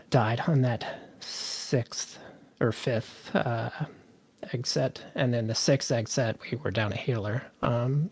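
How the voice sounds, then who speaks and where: A man's voice: medium pitch, creaky, dry recording. A man leading a game raid over voice chat, explaining plans casually with many fillers. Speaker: raid leader.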